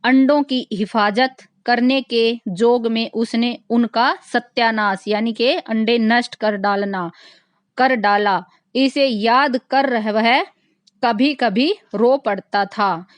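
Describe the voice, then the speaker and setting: Slow, patient Hindi teacher, woman. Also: a little high, steady tone, no echo. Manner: slow, explains each line in simpler words, addresses children. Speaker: school teacher. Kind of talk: explaining a textbook story lesson.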